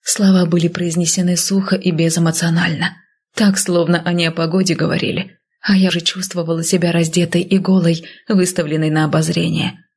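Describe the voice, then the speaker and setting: Female audiobook narrator, first person, low husky gravelly voice, hushed and intimate. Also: little pitch movement, brisk.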